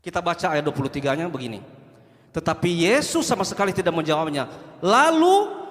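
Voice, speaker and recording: A man's voice: fairly high pitch, sing-song, fairly quick, a bit bright. A male pastor giving a sermon in a church, asking the congregation rhetorical questions. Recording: reverberant church hall.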